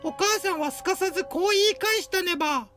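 Give me a woman playing a cutesy mascot narrator with a very high voice, reading stories over background music. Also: a little fast, a bit bright. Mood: upbeat. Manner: ends sentences with a cute verbal tic. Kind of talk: scripted narration of short stories. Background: light background music.

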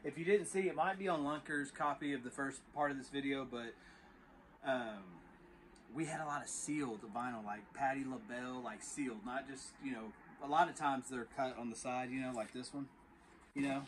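In a brisk, fairly bright mid-range voice, a Texas reseller chats to his viewers as y'all, sorting through a storage unit outside before heading into his truck for casual vlog narration. Faint background noise is present.

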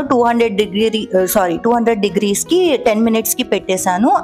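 A woman with a somewhat high voice talks through her kitchen prep in an easy, explanatory way, like a home cooking vlogger. Faint music plays softly behind her voice-over. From Telugu-speaking India. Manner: chatty, explanatory, mixing English words into Telugu. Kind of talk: voice-over narration of a cooking video.

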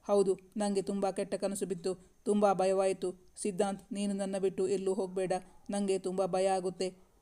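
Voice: mid-range voice, completely flat delivery, moderate pace, dark tone, smooth, lightly acted. A narrator reading the lines of a frightened, hurt young woman in an audiobook romance novel. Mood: anxious.

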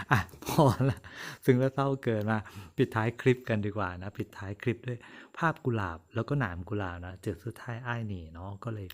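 A man's voice: lowish voice, fairly quick. A man giving a casual language lesson, patiently repeating each word and explaining it with polite endings. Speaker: Chinese language teacher.

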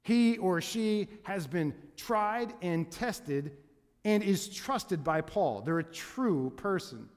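High-voiced man preaching in a reverberant church. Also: expressive, slow pace. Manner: earnest, with frequent restarts and repeated words. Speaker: pastor. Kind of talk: sermon. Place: church sanctuary. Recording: long reverb of a church hall.

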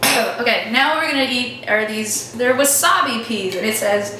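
A woman's voice: on the high side, expressive, normal speed, sharp tone. A young woman chatting casually as a giggly, nervous challenge vlogger in a home kitchen. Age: young adult. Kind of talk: casual chat. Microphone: camera mic a few feet away. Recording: echoey kitchen, far mic, background noise.

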